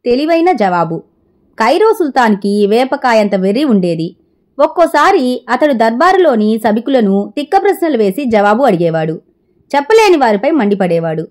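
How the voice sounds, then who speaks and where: A woman storyteller reads a folk tale aloud, her high voice swinging in lively arcs. Her narrating has a bright, animated lilt. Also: normal speed. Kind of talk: reading folk tales aloud.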